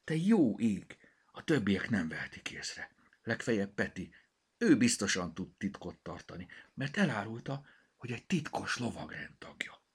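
A man's voice: on the low side, big pitch swings, husky, full character voice. A man voicing a worried little kindergarten girl who whines and pleads. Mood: excited whisper.

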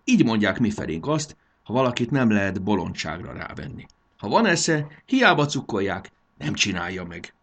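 A man's voice: fairly low pitch, big pitch swings. A man voicing a young boy who boasts and acts brave while he is afraid of heights. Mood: boastful, stubborn. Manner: boastful, then nervous and bracing himself. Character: adventurous young boy, proud but scared of heights.

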